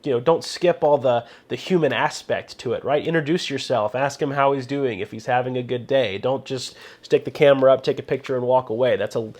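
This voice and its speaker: A man's voice: medium pitch, a little fast, hardly any pauses, darkish tone. A man who is a photographer and the show's host, telling a story in a casual, rambling way and giving photography tips, with many "you know" fillers.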